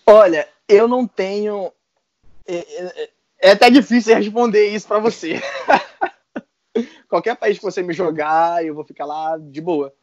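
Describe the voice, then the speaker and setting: A man with a Brazilian Portuguese accent, an interview guest telling a personal story in a casual, animated way with frequent laughs and slang. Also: high-pitched, unhurried, long pauses. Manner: animated, laughs often, mixes in colloquial slang. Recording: dull lo-fi sound.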